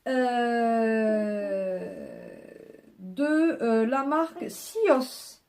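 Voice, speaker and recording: A woman's voice: fairly high pitch, lively intonation, drawn-out words, darkish tone. Chatty woman showing off her haul. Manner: chatty, talks her viewers through each item. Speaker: haul vlogger. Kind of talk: casual chat, showing purchases to camera.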